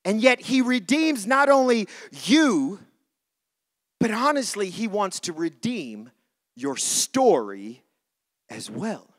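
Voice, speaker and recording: Slow and sing-song, this man's high voice carries a conversational church sermon in which he repeats phrases to drive points home. By his own account, English isn't his native language.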